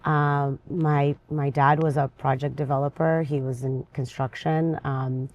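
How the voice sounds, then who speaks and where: A woman from Lebanon, an interview guest, talking in a lively, chatty and restless way. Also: sits low, unhurried, highs cut off. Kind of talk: casual interview conversation.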